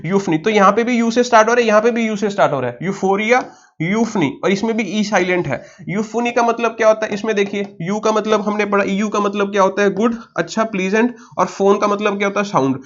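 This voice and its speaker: High-voiced Indian man teaching vocabulary. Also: muffled recording. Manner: quizzing, asks then answers his own questions; spells words slowly letter by letter. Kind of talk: online exam-prep lesson.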